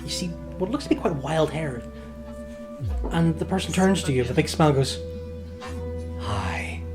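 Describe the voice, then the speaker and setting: A man's voice: a little high, a little fast, music in the background. A man narrating a tabletop horror game as game master, chatty and casual.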